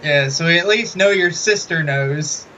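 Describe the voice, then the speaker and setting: A man hosting an interview, asking questions in a soft, slightly mumbling, hesitant way from inside a fursuit head. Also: on the high side, moderate pace. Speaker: interviewer, channel host. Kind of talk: casual interview. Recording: muffled, dull audio with hiss.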